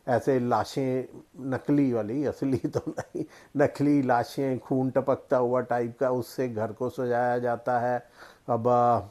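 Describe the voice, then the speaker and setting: A middle-aged man from Punjab chatting as a vlogger, explaining things in an unhurried storytelling way with many pauses. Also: mid-range voice, flat delivery, a little mellow. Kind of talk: casual explanatory chat.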